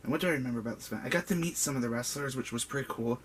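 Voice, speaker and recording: A man's voice: mid-range voice, very fast. A man in his twenties casually rambling through a personal story in a vlog, full of "like" and "um". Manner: rambling, with many "like" and "um" fillers. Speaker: vlogger. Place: indoor room with a buzzing bug. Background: faint background noise and a buzzing bug.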